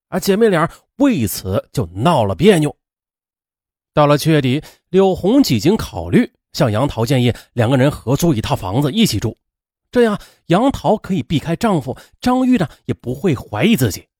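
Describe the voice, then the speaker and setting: Animated male true-crime storyteller. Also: no room sound, studio quality. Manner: animated, acts out women's lines in a high strained voice; colloquial with drawn-out particles. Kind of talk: dramatic true-crime narration.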